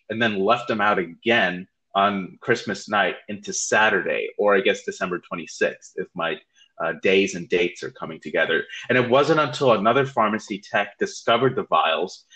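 A man's voice: mid-range voice, a bit bright, low-quality recording. A man co-hosting a casual podcast chat, laughing easily and choosing his words carefully. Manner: laughs while telling stories, hedges his wording. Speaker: podcast co-host.

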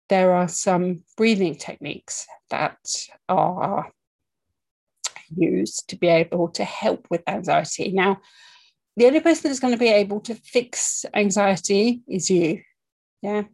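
A woman working as a breathing coach, talking candidly and informally to camera in a deliberate, halting way with long pauses, often checking in with the listener. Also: mid-range voice, creaky, darkish tone. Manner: candid, conversational, checks in with okay and yeah. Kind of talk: informal spoken talk to camera about anxiety and breathing.

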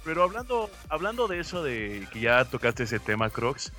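A man's voice: medium pitch, very animated, normal speed, sharp tone, faint music behind. A young Mexican man in casual chat, laid back and slangy, explaining his point with asides.

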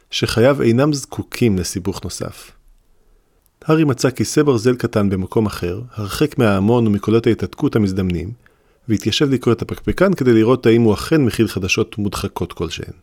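A man narrating a fantasy story in an audiobook with a steady, measured reading. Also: fairly low pitch, dry recording, studio quality. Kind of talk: scripted narration.

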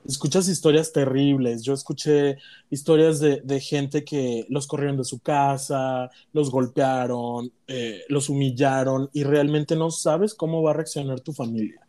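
A man's voice: medium pitch, a little slow. A young man with a Mexican Spanish accent, candidly telling a personal story in casual chat and acting out the voices of people in it. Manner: candid, animated, acts out quoted voices. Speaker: guest telling his story.

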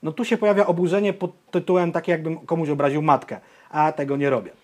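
Talking fast in a fairly high voice, this young man co-hosts a podcast and rants his way through casual conversation. Blunt and opinionated, he swears freely and stays animated.

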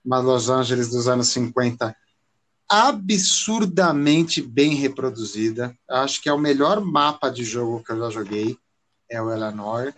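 Brazilian male host, opinionated and animated, mid-range voice, casual chat. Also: mid-range voice, a little slow. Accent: Brazilian Portuguese. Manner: opinionated, animated, with frequent restarts.

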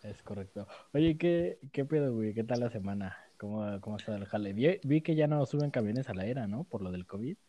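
A man's voice: on the low side, lively intonation, a little fast, hardly any pauses, mellow. A man with a Mexico City accent, co-hosting a comedic podcast in laid-back, slang-heavy banter full of fillers. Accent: Mexico City Spanish. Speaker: podcast co-host. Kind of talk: casual comedic chat. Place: remote, away from co-host.

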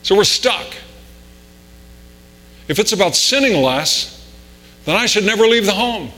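A man's voice: high-pitched, lively intonation, a little slow, sharp tone. A man preaching a conversational sermon with anecdotes, pressing harder on his key points. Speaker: pastor. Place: church sanctuary. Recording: reverberant hall with mains hum.

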